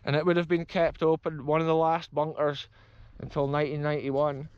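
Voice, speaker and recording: A Scottish man in his thirties explores an open grassy field with enthusiasm, calling his viewers "folks" as he narrates a walking tour into a close-held action camera. His fairly high voice is clean and level and a little fast, though the audio comes across dull.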